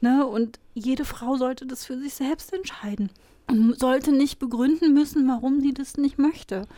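High-pitched woman talking straight from the heart, dry close sound. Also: a little slow, warm tone, no echo. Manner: frank, heartfelt, plain-spoken. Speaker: podcast guest, coaching client. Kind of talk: personal conversation.

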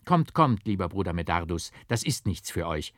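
A kindly clergyman, read by a man, speaks in a low, gentle and reassuring tone. The sound is dry and close, like a storybook reading. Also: sing-song, moderate pace, no echo. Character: calm male clergyman, kindly and soothing.

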